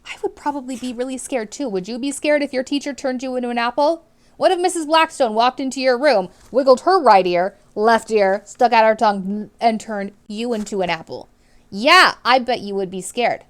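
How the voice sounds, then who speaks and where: A woman teacher with a slightly high voice reads aloud to children at a normal pace in expressive storytime fashion. She stresses key words dramatically and asks her young listeners questions.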